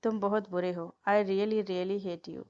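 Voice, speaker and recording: A woman's voice: mid-range voice, fairly even intonation, slow pace, darkish tone, no echo. A woman reading a feisty, annoyed young bride. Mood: irritated. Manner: irritated, then sweetly pleading. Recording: dull lo-fi dry recording.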